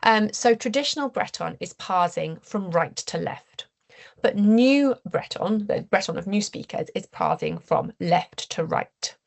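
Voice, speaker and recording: An English woman lecturing at a university seminar, measured and careful, with frequent fillers and restarts. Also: medium pitch, expressive, vocal fry. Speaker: university researcher giving a seminar talk. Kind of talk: academic lecture.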